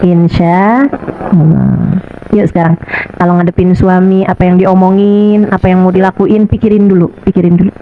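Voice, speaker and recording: A woman's voice: medium pitch, narrow, tinny audio, slight background noise. A woman preacher giving a chatty, colloquial sermon, repeating rhetorical questions and acting out little quotes. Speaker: Islamic preacher. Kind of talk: colloquial sermon to a women's audience.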